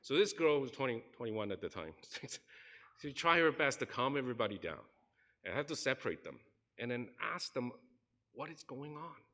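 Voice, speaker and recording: Animated and sharp-toned, a man of medium pitch preaches at a normal speed. He's a pastor in a church sanctuary, earnestly relating a story while acting out the people in it.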